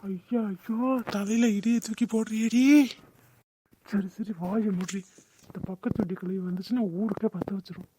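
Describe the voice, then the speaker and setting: A man voicing a gruff, bossy husband and father in a cartoon. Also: high-pitched, steady tone, fairly quick, warm tone, slight background noise, lightly acted, rough recording. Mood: alarmed. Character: dismissive village husband and father.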